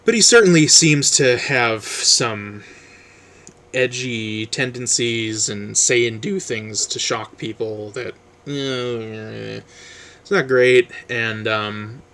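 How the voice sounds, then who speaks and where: A man vlogging about books in a rambling, casual way, full of ums and trailing off quietly. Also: mid-range voice, slow. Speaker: book vlogger. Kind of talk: casual book review chat, reading blurbs aloud.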